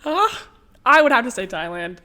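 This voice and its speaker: A teenage girl as a podcast guest who talks excitedly and laughs often. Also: on the high side, moderate pace. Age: teens. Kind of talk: casual chat.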